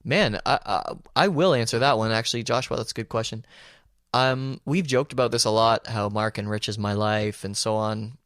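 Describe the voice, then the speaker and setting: A young man with a Canadian accent co-hosts a casual podcast, brushing off silly listener questions in a joking, brisk way. His voice is low and smooth, recorded close on a dry mic with no room sound. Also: a bit bright, no echo. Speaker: podcast co-host.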